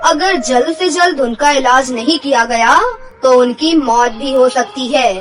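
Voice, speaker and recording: A woman's voice: sits high, measured pace, recorded from a distance, slight background noise, voice pushed down. A woman putting on a solemn male doctor. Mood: grave. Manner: solemn, delivering bad news gently. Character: grave male village doctor, middle-aged. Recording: background music.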